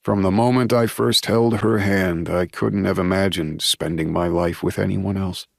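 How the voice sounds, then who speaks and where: A man's voice: low voice, fairly even intonation, moderate pace, gravelly, no echo, clean studio sound, voice pushed up. A man voicing a jovial, doting older werewolf pack leader in an audiobook, effusive and fond. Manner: warm, delighted, effusive. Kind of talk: audiobook character voice.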